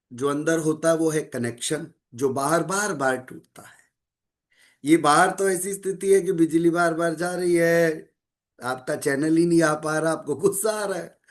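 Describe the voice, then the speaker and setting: A middle-aged man giving a calm, measured spiritual talk to listeners, mixing in English phrases. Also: a little high. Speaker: spiritual speaker.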